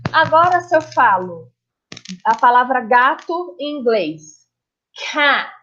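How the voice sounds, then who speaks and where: A woman's voice: sits high, big pitch swings, slow pace, pushed and bright, highs cut off. A woman, a speech therapist explaining how the voice works and demonstrating sounds as she goes. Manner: demonstrates sounds, checks understanding with listeners. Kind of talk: explanatory lesson.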